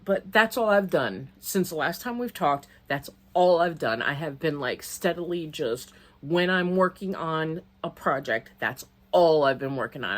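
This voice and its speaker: A middle-aged woman, slightly hoarse, chatting casually to camera about her crafts and rambling with many restarts. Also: lowish voice. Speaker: crafting vlogger.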